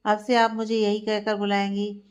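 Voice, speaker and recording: A woman's voice: mid-range voice, monotone, moderate pace, clear, resonant tone, natural voice. A woman voicing an earnest, affectionate young man who questions his fiancée on a phone call in a read-aloud story. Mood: questioning.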